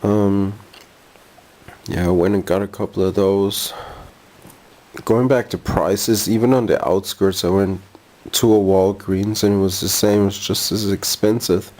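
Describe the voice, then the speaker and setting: A man's voice: low-pitched, fairly even intonation, unhurried, a little mellow. A jet-lagged man rambling casually through a haul vlog at home, easily sidetracked. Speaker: vlogger. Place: bedroom at home.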